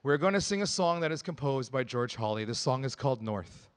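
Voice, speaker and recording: A man leading a dance group, announcing songs on a festival stage in an earnest, explanatory way with pauses between phrases. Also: medium pitch, lively intonation, clear, resonant tone, big-room sound. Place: outdoor or large festival stage.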